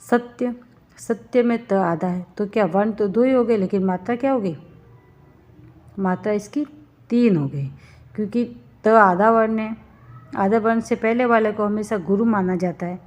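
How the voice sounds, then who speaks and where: A woman's voice: medium pitch, moderate pace, a little mellow. A woman teaching a grammar lesson, explaining each step and asking questions as she goes. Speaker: Hindi teacher. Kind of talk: classroom lesson on Hindi grammar. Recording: dull, slightly lo-fi recording.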